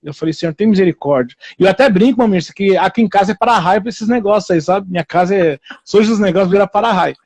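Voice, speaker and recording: Male preacher, high-pitched, dry close mic, animated and repetitive. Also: fast talker, hardly any pauses, breathy edge, no echo. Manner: repetitive, animated, acts out quoted people in raised voices. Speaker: evangelical preacher hosting a live stream. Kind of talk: informal preaching on a live stream.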